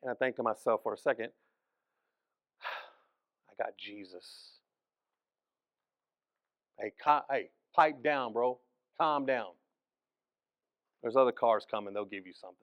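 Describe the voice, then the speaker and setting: A man preaching as pastor, telling the story in an animated way, acting out the people in it and restarting phrases often. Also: mid-range voice, unhurried, long pauses, dry recording. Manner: animated storytelling, acts out voices, frequent restarts. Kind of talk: sermon.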